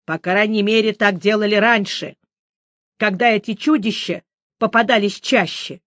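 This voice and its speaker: A woman's voice: mid-range voice, moderate pace, fairly bright tone, no echo, clean studio sound, natural voice. A woman doing a fretful rustic innkeeper. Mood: grim. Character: nervous middle-aged male innkeeper. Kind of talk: audiobook reading.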